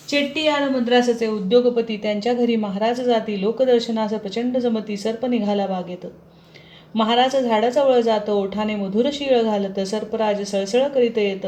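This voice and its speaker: A woman reciting a devotional text in short verse lines with a steady chanting delivery. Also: a little high, echoey room.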